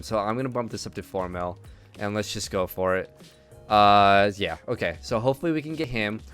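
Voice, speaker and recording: A man's voice: lowish voice, a bit bright, clear, resonant tone. A man giving casual gameplay commentary, thinking aloud with many ums and uhs. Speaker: video game commentator.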